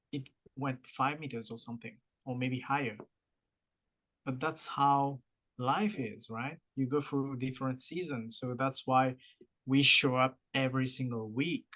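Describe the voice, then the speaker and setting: A podcast co-host with a French-Mauritian accent talks casually and motivationally, explaining ideas through analogies and encouraging repetition. His medium-pitched voice is fairly bright, but the audio is poor.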